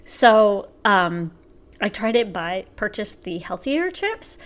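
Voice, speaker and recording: A woman's voice: mid-range voice, slow. A middle-aged woman hosting a podcast as a personal trainer and health coach, talking casually and animatedly, laughing as she tells stories. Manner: chatty and animated, laughs while telling stories. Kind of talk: casual solo podcast talk.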